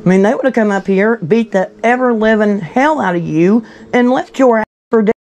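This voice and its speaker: A woman's voice: a little high, normal speed, darkish tone, low-quality recording. Blunt woman interrogating. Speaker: vigilante group confronter. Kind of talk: heated confrontation.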